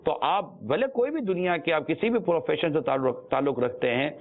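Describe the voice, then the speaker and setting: A man's voice: on the high side, lively intonation. A man from Pakistan giving an earnest religious talk as a preacher, often repeating his phrases to drive a point home. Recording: tinny phone-like sound.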